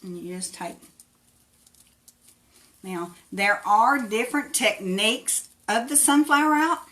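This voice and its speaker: Female craft livestream host, Tennessee Appalachian accent, bright forceful voice, folksy and chatty. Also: fairly high pitch, takes it slowly. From Tennessee, United States. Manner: folksy, chatty, thanks viewers by name. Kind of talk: casual live craft demonstration, greeting viewers.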